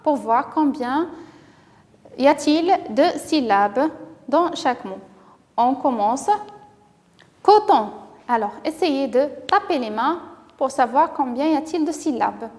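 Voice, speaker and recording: Slow, high-voiced woman teaching phonics. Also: expressive, a little mellow, in a large hall. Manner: slow, carefully articulated, drawing out words to model sounds; encouraging, with frequent praise. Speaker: primary school teacher. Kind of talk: reading lesson for young children.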